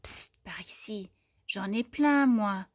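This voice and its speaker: A woman's voice: sits high, expressive, slow pace, fairly bright tone, dry recording, studio quality, pitched above the performer's own voice, exaggerated voice. A woman doing a small eager boy mouse. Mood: whispering. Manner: polite and keen.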